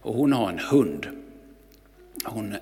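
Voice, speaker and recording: Male pastor, calm storytelling sermon, gravelly tone, reverberant church. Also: fairly low pitch.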